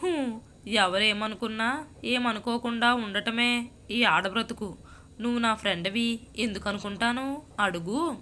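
Self-pitying young wife, sighing scoffs, bright edgy tone, read by a woman storyteller. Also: fairly high pitch, unhurried, pauses often. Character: young married woman, melodramatic, hooked on TV serials. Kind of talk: storybook reading.

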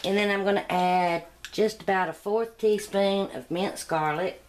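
Speaking off camera into the camera mic, a middle-aged cooking channel host talks her way through a recipe in her own kitchen in a chatty, homey style that wanders into asides. Her pitch is medium and she's unhurried, with a little hiss or hum on the recording.

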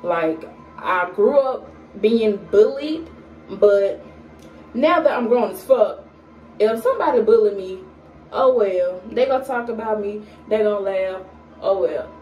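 In a get-to-know-me video shot in a small room at home, a young woman from Atlanta, Georgia, talks to camera in a relaxed, unhurried way, full of fillers, pauses and occasional stutters. Her mid-range voice is distant and slightly off-mic from the arm's-length camera. The lo-fi audio is echoey, with faint music in the background.

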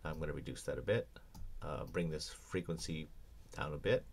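With a rumbling low voice at a moderate pace, an audio production instructor explains audio editing in a screencast tutorial, casually, with frequent ums and restarts.

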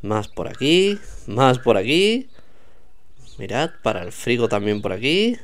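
A medium-pitched man speaks at a measured pace, his voice swinging widely in pitch. As a vlogger walking casually through a supermarket aisle, he chats and points out products to his viewers.

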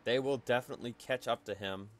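A man giving calm, analytical play-by-play commentary for a simulated stock car race, with faint noise behind him. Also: medium pitch, fast talker. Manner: calm, analytical play-by-play that rises sharply at wrecks. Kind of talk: solo sim racing commentary.

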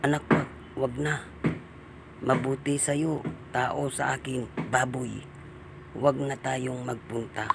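A man's voice: mid-range voice, little pitch movement, slow, gravelly, long pauses, background noise. A man voicing a weary aswang mother. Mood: resigned. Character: grieving middle-aged mother, secretly an aswang.

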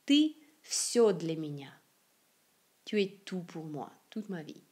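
Slow, breathy woman teaching language. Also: on the low side, big pitch swings, darkish tone. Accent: Russian. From Siberia, Russia. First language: Russian. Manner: repeats each phrase slowly and clearly. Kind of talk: slow, careful language lesson with repeated example phrases.

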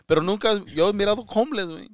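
A man talks loosely on a casual comedy podcast, rambling and switching between Spanish and English, breaking into loud laughter. His voice sits a little high. The sound is dry and close, with no room around it. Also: fast talker, no echo. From United States. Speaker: comedian co-host.

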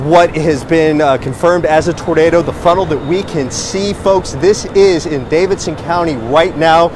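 A man working as a TV meteorologist, reporting a storm live and urgently from outdoors. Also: fairly high pitch. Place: outdoors, station back parking lot. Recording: noisy outdoor live field audio.

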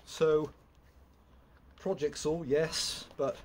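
A man's voice: fairly high pitch, level tone, drawn-out words, a little hiss or hum. A young man in a casual, rambling walkthrough, full of fillers and restarts, recorded in an open woodshed by a camera some way off. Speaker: chainsaw vlogger. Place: open woodshed with log piles.

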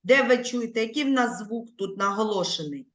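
Her voice is on the high side and expressive as this primary school teacher leads a literacy lesson for young children on a video call. She talks slowly and clearly, stretching words out syllable by syllable and patiently prompting the pupils.

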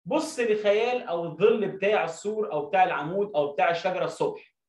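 A man with an Egyptian Arabic accent, teaching an English lesson. He reads English sentences slowly, word by word, and asks questions that he answers himself. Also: sits high, a little mellow, reverberant, low-quality recording. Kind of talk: explaining a lesson to young pupils.

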